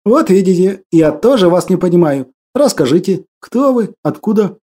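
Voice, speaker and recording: A gentle, earnest young man, patiently explaining, as a male narrator voices him. His voice runs high and lively, mellow in tone. A storybook figure. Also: normal speed.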